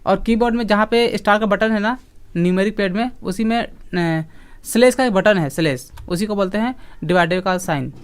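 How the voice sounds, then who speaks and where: A man's voice: high voice, moderate pace, smooth. A man teaching an online computer class, explaining each step patiently and repeating key points. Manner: patient, explains step by step, scolds interrupting students sternly.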